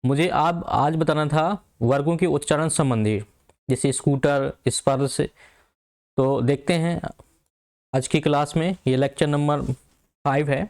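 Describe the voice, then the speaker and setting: A man gives an online exam-prep lesson. He explains patiently and repeats each example word slowly. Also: on the high side, fairly even intonation, a little mellow. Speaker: Hindi teacher.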